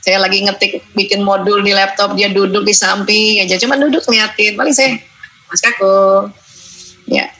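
A middle-aged woman giving a lively parenting lecture, acting out mothers and children in short quoted lines. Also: mid-range voice, brisk, few pauses, rough recording. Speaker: parenting speaker.

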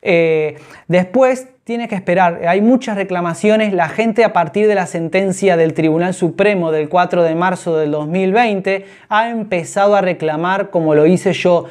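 In a small room with an orange wall, an earnest male vlogger in his thirties speaks directly to viewers about personal finance, gesturing to explain. He talks at normal speed in a high-pitched, slightly mellow voice.

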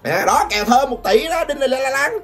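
A woman's voice: high voice, expressive, normal speed. Mocking older woman. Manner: taunting, laughs often, addresses viewers constantly. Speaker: gossip vlogger. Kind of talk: mocking gossip commentary. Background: background music.

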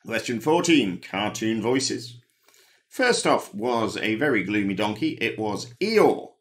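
A man's voice: fairly low pitch, very animated, slow, a bit bright. A man hosting a pub quiz, reading out the answers with dry, wry asides. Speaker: quiz host. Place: home, recorded alone.

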